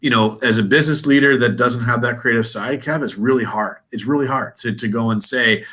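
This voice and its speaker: Bright-voiced man moderating a panel. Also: mid-range voice, fairly quick, low-quality recording. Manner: conversational, rambling with frequent restarts. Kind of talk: casual panel discussion.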